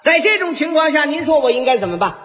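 A man's voice: very high-pitched, sing-song, fast, sharp tone. A man performing comic crosstalk, telling his story theatrically with rhythmic punchlines. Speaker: lead crosstalk comedian. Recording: dull lo-fi stage recording with long reverb.

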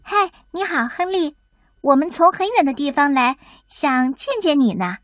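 A woman voicing a gentle little female mole who stammers and cannot see well. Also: sits high, expressive, moderate pace, no room sound, clean studio sound, voice pushed up. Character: little female mole, poor-sighted, sharp-nosed, gentle.

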